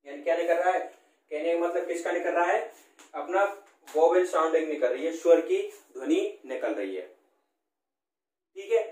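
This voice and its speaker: A man teaching a grammar lesson, asking and answering his own questions and reading example lines slowly. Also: on the high side, darkish tone. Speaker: English teacher. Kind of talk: classroom lesson explaining grammar. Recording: echoey room.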